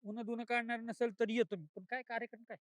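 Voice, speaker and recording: A defensive, scheming former village head talks. His voice is very high and the recording is dry. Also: flat delivery, fast, no room sound. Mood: grumbling. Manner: defensive, plotting. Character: scheming former village sarpanch, middle-aged man.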